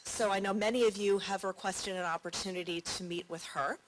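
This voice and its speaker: A woman's voice: mid-range voice, fairly even intonation, a little fast, slight background noise, poor audio. A woman, a conference marketing director, giving a welcome speech from the stage and telling a chatty anecdote.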